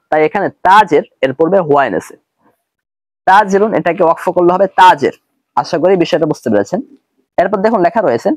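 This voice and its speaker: High-voiced man teaching word by word. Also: darkish tone, dry recording. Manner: slow, word-by-word translating. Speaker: Arabic teacher. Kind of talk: recorded textbook lesson.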